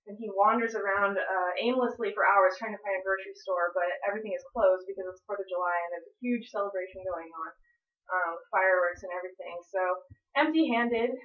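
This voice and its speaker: A woman's voice: mid-range voice, steady tone, fast talker. A woman in a mid-range voice tells a casual story, wandering through fillers and restarts. She is heard from some distance in an echoey room. The recording is dull and lo-fi. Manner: rambling, many fillers and restarts.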